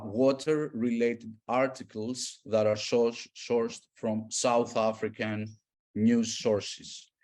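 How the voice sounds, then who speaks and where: A man from Greece, presenting a data tool in an online workshop, explaining step by step with many pauses and fillers. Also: on the low side, a little mellow. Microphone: video call.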